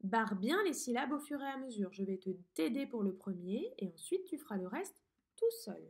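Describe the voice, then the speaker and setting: A woman teaching a dictation lesson to a young pupil, pronouncing each word slowly and clearly. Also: fairly high pitch, very animated, darkish tone. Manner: slow, clearly articulated teacher talk to a child. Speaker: primary school teacher.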